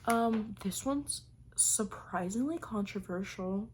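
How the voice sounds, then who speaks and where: A woman's voice: mid-range voice, slow pace, a little hiss or hum. A young adult woman chatting casually to camera about her favorite things of the year, gushing and rambling with plenty of fillers. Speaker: vlogger.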